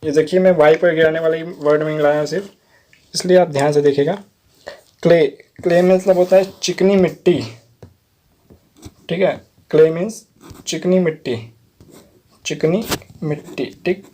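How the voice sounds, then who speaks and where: A man's mellow, steady voice, on the high side, moves at normal speed with frequent pauses through a vocabulary lesson. He spells English words letter by letter, explains them patiently, and repeatedly checks in with "theek hai."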